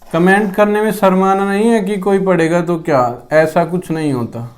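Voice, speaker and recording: A man's voice: sits high, fairly even intonation, moderate pace. A male English teacher with a sore throat, giving a spoken lesson to students and repeating each word several times. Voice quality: clears throat often.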